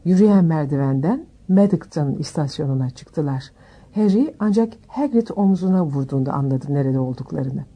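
A woman narrating a storybook aloud in a steady, measured reading voice. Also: deep voice, slightly rough, dull audio. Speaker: audiobook narrator.

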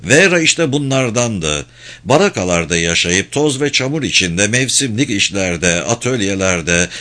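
A man narrating a novel as an audiobook, in a measured, steady reading voice. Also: on the low side.

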